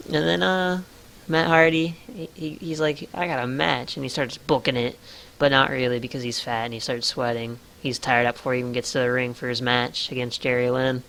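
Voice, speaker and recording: A man's voice: mid-range voice, little pitch movement, brisk, a bit bright, clean tone. A man co-hosting a podcast in casual comedic chat, sarcastic and crude. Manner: sarcastic, crude, laughing asides, gives letter grades. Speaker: podcast co-host.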